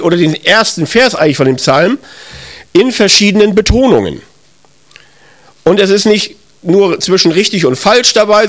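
Conversational German-speaking preacher, man. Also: sits high. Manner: conversational, addresses listeners directly, with self-corrections. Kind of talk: sermon with Bible reading.

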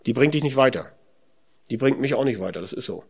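A man's voice: mid-range voice, expressive, quick pace, vocal fry, darkish tone, husky. Reflective man musing aloud. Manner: conversational, often adds tag "ne?"; muses aloud, asks rhetorical questions. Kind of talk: reflective spoken sermon.

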